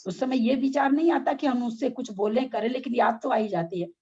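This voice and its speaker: A middle-aged woman with a high, slightly husky voice argues her point in a casual spiritual discussion. She is frank and fond of rhetorical questions. The sound is dull and lo-fi. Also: a little fast, darkish tone. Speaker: religious discussion leader.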